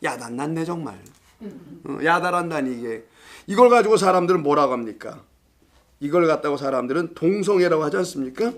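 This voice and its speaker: A man's voice: on the high side, lively intonation, a little fast. A male pastor teaching a Bible study class, playful, quizzing his listeners and laughing often. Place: church classroom.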